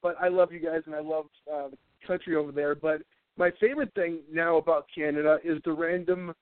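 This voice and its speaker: A man's voice: a little high, steady tone, brisk, smooth, dry recording. An American man with a congested, stuffy nose hosting a casual radio show, rambling and stammering in a jokey way. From New Hampshire, United States. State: congested, breathing through mouth. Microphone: thin mic curled close to face. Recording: thin phone-like line.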